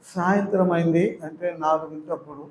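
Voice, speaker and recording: Older man, Telugu accent, impassioned sermon with rising crescendos, high pitch, roomy reverb. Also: steady tone, a little fast, slight background noise. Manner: swells to emotional crescendos, retells pleas. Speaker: preacher.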